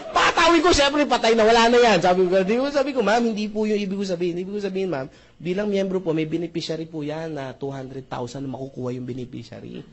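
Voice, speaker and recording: This is a high-pitched, fast-talking man presenting a marketing plan at a lively seminar in a Tagalog-English mix. He jokes with the audience, keeps checking agreement with "tama ba?", and speaks respectfully, using "po" and addressing "mga brother, mga sister".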